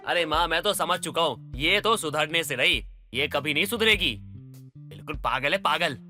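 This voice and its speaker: A man voicing an exasperated young husband in an animated story, pleading and fed up. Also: fairly high pitch, moderate pace, soft background music. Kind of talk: animated cartoon voice acting.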